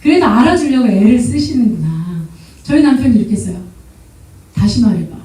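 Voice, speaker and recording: A woman missionary giving a church seminar talk, telling stories with lively animation and acting out what people said. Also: fairly high pitch, a little fast, heavy background noise. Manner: lively storytelling, often laughing and acting out quotes. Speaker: missionary guest lecturer. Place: church hall. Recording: very echoey hall, voice from far off.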